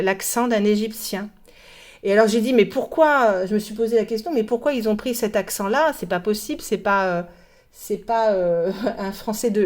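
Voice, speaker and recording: A woman from France explaining a cartoon in a casual lesson, pausing often and hesitating between words. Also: mid-range voice, darkish tone. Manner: hesitant, many pauses and fillers. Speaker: French teacher.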